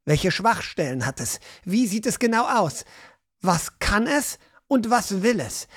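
A woman reading an audiobook, voicing a burdened male guard captain in a lowered, hesitant, serious voice. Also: sing-song, a little slow, slightly rough.

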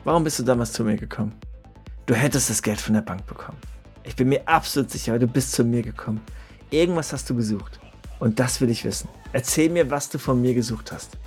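A man's voice: medium pitch, brisk, breathy edge, faint music behind, lightly acted. An actor playing a crude, bitter young man from the streets who taunts and swears at his old friend.

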